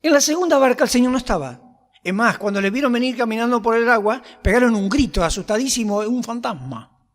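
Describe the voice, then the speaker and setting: A man's voice: extremely high pitch, quick pace. A man with a Rioplatense Spanish accent preaching a sermon, reading scripture and telling stories with humorous asides. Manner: conversational storytelling with humorous asides. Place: church hall. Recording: long church reverb.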